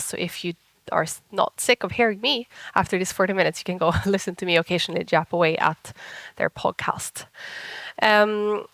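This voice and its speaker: A woman with a Swedish accent gives an informal conference talk in a husky whiskey voice roughened by a cold, chatty and self-deprecating. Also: lowish voice, fairly bright tone, no room sound. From Sweden. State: sick with a cold. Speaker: conference speaker, software engineer.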